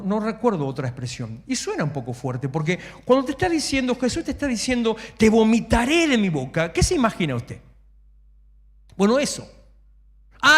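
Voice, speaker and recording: Rioplatense pastor guy preaching, swoops up and down a lot, jokey, big echoey church. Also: on the high side. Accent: Rioplatense Spanish. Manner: animated, humorous, acts out shouting worshippers. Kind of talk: sermon. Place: church sanctuary.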